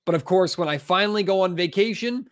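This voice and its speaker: A man's voice: high-pitched, fast, fairly bright tone. A man with a stuffy, congested cold, hosting a sports podcast in an emphatic, frustrated way with plenty of fillers. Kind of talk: casual sports podcast commentary.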